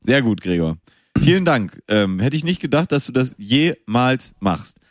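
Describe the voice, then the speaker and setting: A man's voice: medium pitch, a little slow, no echo, studio quality. A man co-hosting a casual comedic podcast, telling jokes and stories in a playful way. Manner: joking, lively storytelling with playful voices. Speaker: podcast co-host.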